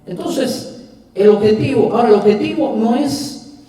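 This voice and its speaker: A man's voice: very high voice, normal speed, warm tone. A middle-aged man with a Cuban Spanish accent, preaching a sermon in a conversational way with rhetorical questions. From Cuba. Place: church hall. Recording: echoey hall from far off.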